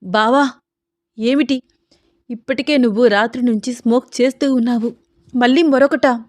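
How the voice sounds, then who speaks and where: A woman's voice: on the high side, steady tone, normal speed, no echo, clean studio sound, lightly acted. A woman voicing a stubborn, devoted young woman who pleads and defies her cousin. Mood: pleading, defiant. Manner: pleading yet defiant.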